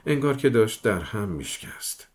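A man reading a novel aloud in measured first-person storytelling. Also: lowish voice, very animated. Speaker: audiobook reader.

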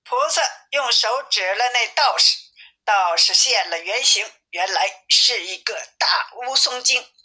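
A woman reading a classic tale aloud as a storyteller, in a plain, even manner. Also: medium pitch, unhurried, slightly rough.

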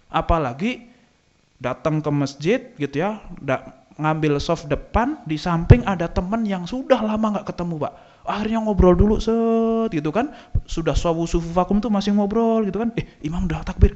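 A man gives a religious lecture, his voice sitting a little high for a man. He asks questions and then answers them himself in a lively, conversational way. The recording sounds dull and lo-fi. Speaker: Islamic religious teacher.

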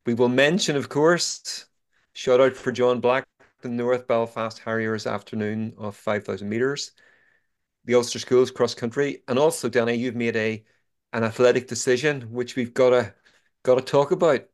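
A man's voice: mid-range voice, normal speed. A man co-hosting a podcast, presenting in a casual way. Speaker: podcast co-host. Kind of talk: casual presenting of a running agenda.

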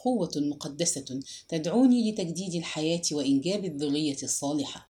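A woman voicing a troubled middle-aged male civil servant in an audiobook, speaking in an earnest, lowered voice. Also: a little fast, warm tone, natural voice.

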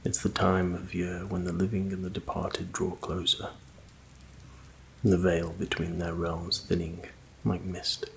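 A man with a deep, creaky voice narrates a bedtime sleep story. His delivery is soft, slow and soothing, with very even intonation. Rain patters behind him over faint noise. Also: low-quality recording. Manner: slow, calm, hushed, relaxing delivery. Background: rain ambience.

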